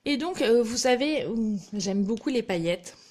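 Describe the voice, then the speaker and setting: A woman's voice: fairly high pitch, animated, unhurried, a little mellow. A woman giving a live craft tutorial, chatting directly to her viewers and often apologizing for small slips. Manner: self-deprecating, apologizes often. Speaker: craft demonstrator.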